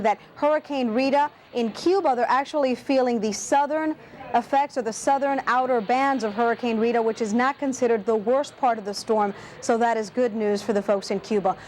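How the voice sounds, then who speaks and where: High-voiced woman reporting broadcast news. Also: a little mellow, a little hiss or hum. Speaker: newsroom reporter.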